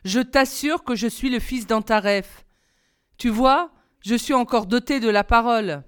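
A woman reading aloud, voicing an eager, cheerful young prince in a lively, raised voice. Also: fairly high pitch, measured pace, smooth, close to an everyday voice. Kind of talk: storybook reading.

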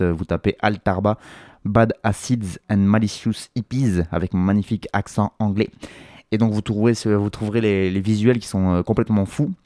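A man's voice: lowish voice, warm tone, no room sound, clean studio sound. A man hosting a music show, reviewing an album in a casual, hesitant way with many fillers and restarts.

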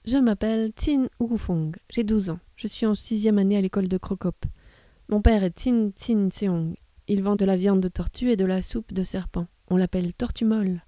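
A woman voicing a twelve-year-old boy who introduces himself slowly and carefully. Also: medium pitch, dark tone, no room sound, lightly acted. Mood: earnest.

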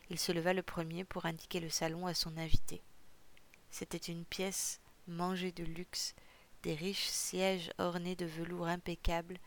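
Audiobook narrator, gravelly, steady and even, reads fiction aloud. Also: mid-range voice. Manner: measured, even storytelling. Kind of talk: audiobook reading.

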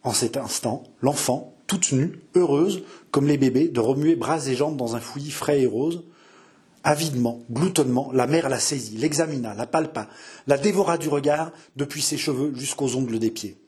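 Husky-voiced male storyteller. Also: mid-range voice, darkish tone. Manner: measured, dramatic storytelling. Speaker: audiobook reader. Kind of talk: scripted narration of a historical novel.

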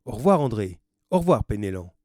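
A man's voice: on the low side, sing-song, brisk, a little mellow, no room sound, clean studio sound. A man reading the part of a sturdy sea captain of about sixty, hearty and commanding.

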